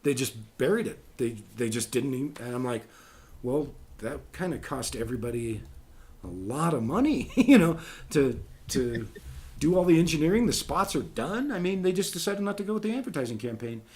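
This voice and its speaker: A man's voice: on the high side, brisk. A man hosting a casual talk show, telling voice-acting stories and acting out the quotes. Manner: animated storyteller, acts out quotes. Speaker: podcast host and voice actor. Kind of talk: casual chat.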